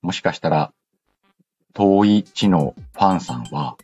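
This host's voice sits low and sounds husky and darkish, animated yet unhurried. On his laid-back radio-style program he chats and reads listener mail with slangy playfulness, breaking into his own sentences with asides, while music runs under the dull, lo-fi recording.

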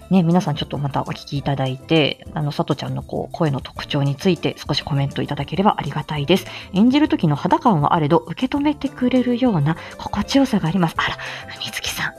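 A woman streamer chatting casually with her viewers, in a calm, low, clearly articulated voice with many filler words. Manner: chatty, frequent fillers, reads viewer comments. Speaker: streamer, voice reader. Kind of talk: casual livestream chat.

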